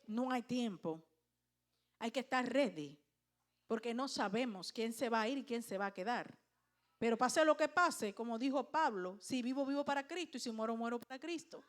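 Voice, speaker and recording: Woman pastor, high voice, emphatic sermon, questions to the congregation. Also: animated, normal speed.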